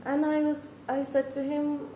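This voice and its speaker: Her voice sits high and warm, delivered a little slowly and completely flat. She is a middle-aged woman from the Czech Republic, a native Czech speaker with a Czech accent, earnestly and reflectively testifying about being a parent while searching for words. The room is echoey, with faint noise.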